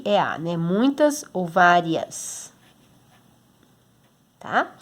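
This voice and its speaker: Lively Brazilian teacher woman. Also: a little high. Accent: Brazilian Portuguese. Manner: patient, explains step by step with many checks like "tá?". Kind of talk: recorded homework lesson for children.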